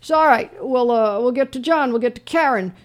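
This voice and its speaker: A man's voice: extremely high pitch, fairly quick. A man hosting a call-in radio show, chatting casually with a caller about old songs, joking and rambling with dry asides. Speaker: radio host.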